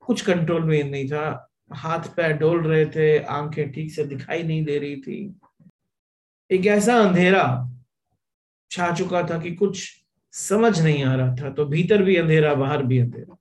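A man giving a spiritual discourse on scripture, weaving a parable into his teaching. His voice sits a little high for a man. His pace moves between brisk stretches and slow, stressed phrases, and he drops English words into his speech. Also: rough recording.

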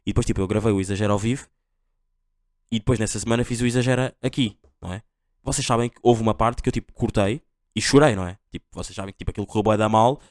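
A young adult man with a Portuguese accent hosts a casual solo podcast, rambling in slang and packing in constant fillers. His medium-pitched voice is smooth, and the studio recording is clean and dry.

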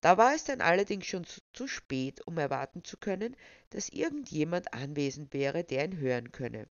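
A storyteller reading a humorous story aloud in a steady, wry manner. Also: mid-range voice, moderate pace, dry recording. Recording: dull lo-fi dry recording.

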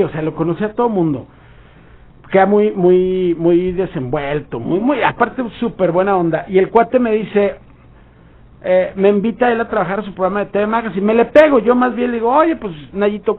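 A Mexican man telling a rambling anecdote on a radio show, acting out bits of dialogue. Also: high voice. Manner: rambling storytelling with acted-out dialogue. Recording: tinny phone-like sound.

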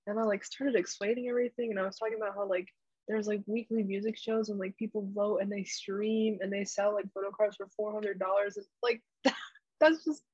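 A young woman chats on a podcast in a relaxed, dry-humored way, her voice a little husky. The recording is dry and slightly muffled, like a home mic. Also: mid-range voice, brisk, dry recording. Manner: laid-back, wry, says "like" a lot. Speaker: podcast co-host. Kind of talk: casual chat.

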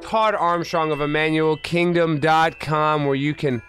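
A man's voice: on the high side, fairly even intonation, a little slow, a bit bright, soft background music. A man hosting a talk show, delivering a theatrical, ringmaster-style introduction with showy announcer patter.

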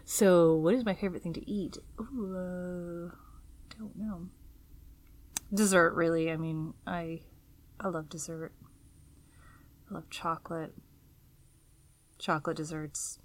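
A woman artist being interviewed in a relaxed chat, pausing to think with fillers and laughing easily. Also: lowish voice, a little hiss or hum. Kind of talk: casual conversational interview.

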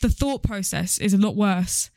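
A young woman co-hosting a podcast chats casually, reacting to stories in a playful, questioning manner. Her mellow, mid-range voice moves at a normal pace, and the sound is clean studio audio with no room echo.

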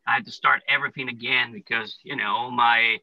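An Italian man who owns a plumbing business answers interview questions casually, walking through things step by step with lots of "uh" and "you know." His medium-pitched voice stays fairly even in intonation, pushed and bright, and he talks fairly quickly. The recording is dry and low in quality.

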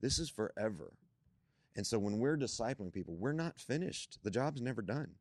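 Guy preaching on a podcast, kinda low voice, dry close sound, punchy emphatic delivery. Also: lively intonation, normal speed, darkish tone, no echo. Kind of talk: podcast conversation about church.

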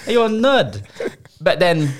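A man's voice: high-pitched, huge pitch swings, takes it slowly. A young man with a London roadman accent hosting a podcast, giving opinionated, slangy football banter. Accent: London, urban street slang style (roadman). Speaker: podcast host.

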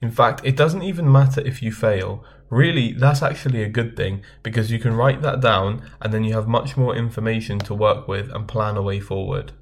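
A man hosting a self-help video, giving earnest, measured advice straight to his viewers. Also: fairly low pitch. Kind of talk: scripted self-help talk to camera.

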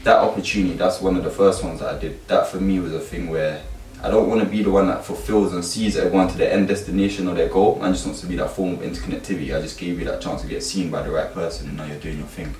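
A fast-talking London man with a low, slightly mellow voice and fairly even intonation chats casually in emphatic street slang. He works as a youth mentor and course teacher, and a distant mic captures him in a roomy space with faint background noise.

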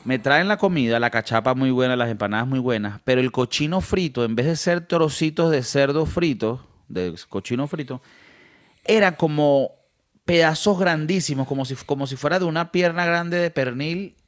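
Animated Venezuelan man telling a story. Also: mid-range voice, moderate pace. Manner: animated, slangy, acts out quoted voices. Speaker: podcast co-host. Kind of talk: casual storytelling chat.

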